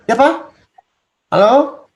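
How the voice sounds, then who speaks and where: A man's voice: very high voice, lively intonation, very slow. A man as a pastor leading a Bible study, talking bluntly and casually, firing rhetorical questions at his listeners.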